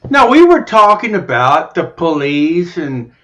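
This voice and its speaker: A man's voice: fairly high pitch, big pitch swings, unhurried, fairly bright tone. A man from Texas calling in to a livestream, a bit tipsy after a few beers, talking casually and emphatically. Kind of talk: casual call-in chat.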